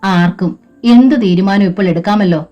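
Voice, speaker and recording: A woman's voice: medium pitch, moderate pace, warm tone, lo-fi sound, faint music behind, natural voice. A woman voicing a grave, worried elderly grandfather in an audio novel, with a plain, serious delivery.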